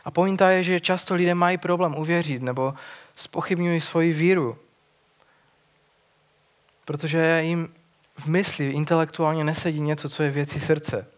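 A man's voice: fairly high pitch, fairly even intonation, pauses often. A man preaching a sermon, retelling a gospel story in an earnest, conversational way with frequent restarts.

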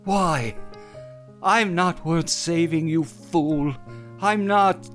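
A man voicing a sly, scheming, ingratiating character in an animated comedy, with theatrical delivery. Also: on the high side, drawn-out words, faint music behind. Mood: anguished.

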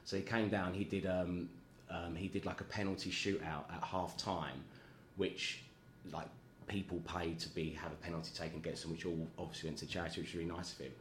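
A man with a fairly low voice tells stories in a loose, rambling way. He laughs at himself often and keeps the tone self-deprecating. The room is echoey, with faint ambience behind him. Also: flat delivery, fairly quick, a little hiss or hum. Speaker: guest. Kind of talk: casual chat.

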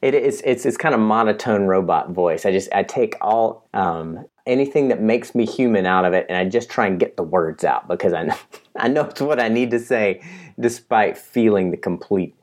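A man's voice: fairly low pitch, expressive, normal speed. A man co-hosting a podcast, talking through a Bible passage in a casual, reflective, self-deprecating way with frequent restarts. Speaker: podcast co-host. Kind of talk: casual Bible study discussion.

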